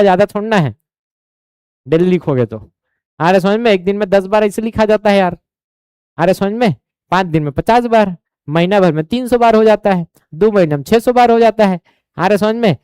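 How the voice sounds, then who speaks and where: Male coaching tutor with a Chhattisgarhi accent, drills figures by repetition, clear resonant voice, dry close sound. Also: high-pitched, darkish tone, no room sound. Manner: drills numbers by repetition, keeps asking if students follow. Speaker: teacher. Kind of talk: exam coaching lesson.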